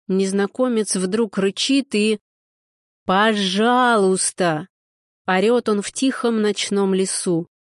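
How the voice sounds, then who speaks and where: Женщина читает аудиокнигу от первого лица, неспешно и с иронией. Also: female voice, fairly high pitch, dry recording, studio quality. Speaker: audiobook narrator. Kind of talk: first-person audiobook narration.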